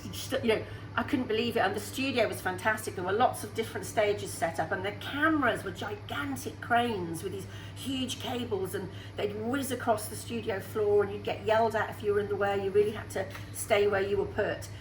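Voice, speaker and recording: Brisk and mid-range, a woman's voice belongs to a sixty-something singer guesting on a radio interview. Her manner is chatty and cheerful, quick to laugh, and the sound is roomy with a faint hum behind it.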